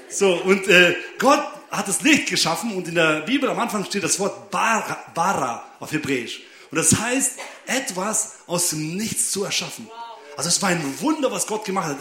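A man's voice: high-pitched, fairly bright tone. A young man preaching, telling a funny personal story and laughing often. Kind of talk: lively sermon with personal anecdote. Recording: echoey room.

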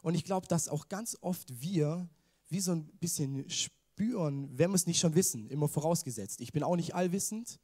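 A man's voice: fairly high pitch, moderate pace, mellow. Casual, chatty man preaching a sermon. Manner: casual, chatty, asks the listeners questions; mixes in English slang. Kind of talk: informal youth sermon.

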